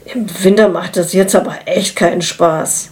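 A woman's voice: on the low side, fairly even intonation, normal speed, darkish tone, close to an everyday voice. A woman reading the lines of a laid-back, distracted middle-aged husband, speaking in a dry, matter-of-fact way. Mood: wry.

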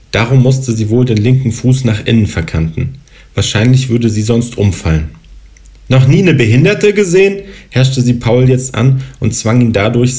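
A man in his thirties reading from his own novel in a calm, even narrative voice. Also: lowish voice. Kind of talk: literary reading.

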